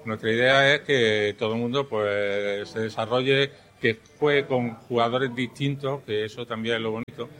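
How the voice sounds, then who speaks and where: A man who organizes a tennis club explains plans for the season. His pitch is in the middle range for a man. He speaks steadily, with some hesitant fillers. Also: fairly even intonation, normal speed, fairly bright tone. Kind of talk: interview answer.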